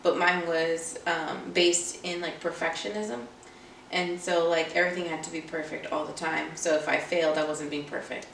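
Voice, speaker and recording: A woman with a slightly low, creaky voice talks casually, like a co-host in a personal chat. She is recorded at some distance in an echoey room. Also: fairly even intonation, moderate pace, a bit bright. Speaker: podcast co-host posing questions. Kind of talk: casual personal faith conversation. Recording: echoey room, distant mic, faint noise.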